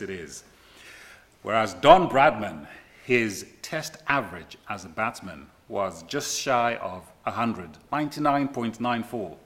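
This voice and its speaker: A middle-aged man preaching a sermon, repeating key phrases with emphatic, deliberate pauses. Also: on the low side, fairly bright tone. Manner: slow deliberate delivery with dramatic pauses.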